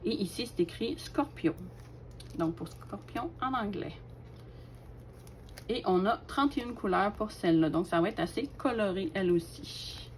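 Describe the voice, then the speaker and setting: A woman, casually showing off her craft collection, chatty and hesitant with lots of fillers and soft laughs. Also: mid-range voice, normal speed, slight background noise. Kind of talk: casual show-and-tell.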